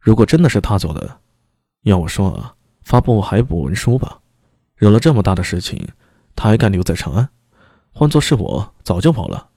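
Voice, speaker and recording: A man's voice: lowish voice, big pitch swings, normal speed, creaky, mellow, no room sound, studio quality, exaggerated voice. A man voicing a cautious male constable in an audio story, speaking in a hesitant, placating way. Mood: wary.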